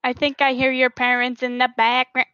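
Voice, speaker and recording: Giggly high-voiced young woman on a call. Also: monotone, normal speed, sharp tone, clean tone, dry recording, dull audio. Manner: giggly, playful, fond of silly sound effects. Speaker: caller planning a role-play story. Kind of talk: casual phone chat. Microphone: phone call.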